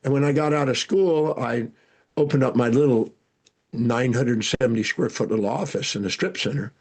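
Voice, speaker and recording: Gravelly older man telling stories. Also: mid-range voice, moderate pace. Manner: animated storyteller, frequent restarts. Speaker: guest speaker and educator. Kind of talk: storytelling interview answers.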